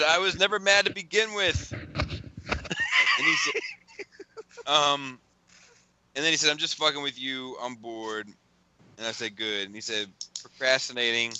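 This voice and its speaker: Male podcast host, casual storyteller, laughs and swears, crisp bright tone. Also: mid-range voice, slight background noise. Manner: rambling storyteller, laughs often, retells texts with swearing. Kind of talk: casual chat.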